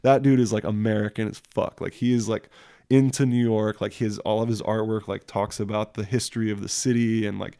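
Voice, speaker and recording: Gravelly, rambling laid-back guy. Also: on the low side, flat delivery, brisk, mellow, dry recording, studio quality. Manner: rambling, slangy, full of "like" and swearing. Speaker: guest telling tattoo stories. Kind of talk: casual chat.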